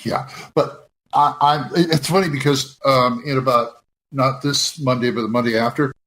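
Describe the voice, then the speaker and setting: An older man, around sixty, chatting loosely as a podcast host. He wanders through his points with many false starts, in an ordinary middle-pitched voice. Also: fairly even intonation, normal speed, a bit bright. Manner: rambling, with frequent restarts. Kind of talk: casual chat.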